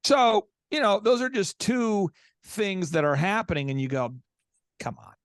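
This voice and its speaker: Brief: lively male guest storyteller, high voice, acts out quotes, dry studio sound. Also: moderate pace, clear, resonant tone, no room sound. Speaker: guest speaker and event organizer. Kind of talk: casual podcast conversation.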